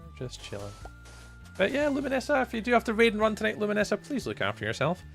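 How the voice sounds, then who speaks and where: This Scottish gamer in his forties talks fast as he streams, chatting with viewers in a rambling, jovial manner studded with ums and chuckles. His voice is high-pitched with huge pitch swings, vocal fry and a slightly bright edge, and faint music sits behind it.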